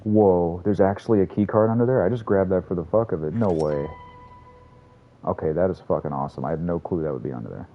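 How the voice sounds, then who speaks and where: A man's voice: deep voice, quick pace, lo-fi sound, faint music behind. A man streaming a video game, rambling and swearing casually as he talks to his chat. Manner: rambling, profane, chatty. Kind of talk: casual gameplay commentary to a live chat.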